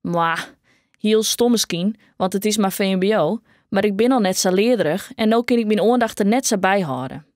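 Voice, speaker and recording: A woman's voice: medium pitch, animated, moderate pace, a little mellow, dry recording, clean studio sound, lightly acted. A woman with a Frisian accent voicing a grieving teenage girl who talks bluntly and sarcastically, in an audiobook. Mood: shy. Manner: blunt, sarcastic teen talk.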